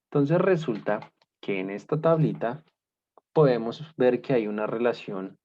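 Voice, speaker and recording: An expressive, unhurried man with a mid-range voice leads a basic math class, patiently breaking things into steps. He checks in frequently with "¿listo?" and "¿cierto?" in a dull, lo-fi class recording.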